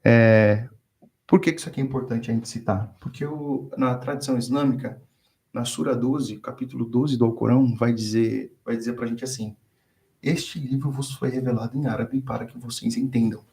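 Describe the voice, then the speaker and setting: Brazilian man telling a lively story. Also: mid-range voice, moderate pace, creaky. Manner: storytelling, acts out quoted dialogue. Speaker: guest speaker on theology. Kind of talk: conversational teaching.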